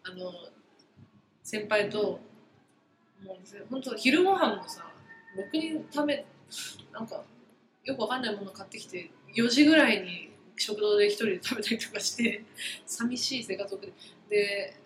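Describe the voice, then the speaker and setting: A woman co-hosting a casual chat podcast, venting about her workday in an animated storytelling way. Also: medium pitch, normal speed, a little hiss or hum. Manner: venting, animated storytelling with many acted quotes. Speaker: podcast co-host. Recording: roomy echo with faint ambience.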